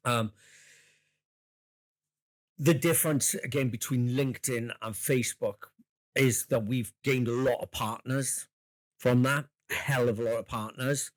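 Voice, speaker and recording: A man's voice: medium pitch, steady tone, measured pace, pauses often. Rambling, jokey man. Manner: rambling, jokey, laughs often, swears casually. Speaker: podcast co-host. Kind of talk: casual chat.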